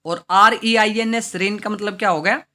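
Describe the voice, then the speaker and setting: Bright-voiced male teacher, Indian English. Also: sits high, fairly even intonation, normal speed. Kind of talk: classroom lesson explaining vocabulary.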